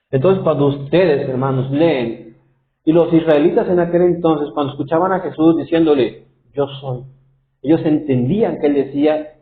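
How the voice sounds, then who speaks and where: Male preacher, slightly high-pitched, reads verses and asks the room questions, self-corrects often; tinny, phone-band audio. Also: roomy sound. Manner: reads scripture aloud and explains it, asks the audience questions; frequent fillers and self-corrections. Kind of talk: Bible teaching to a congregation.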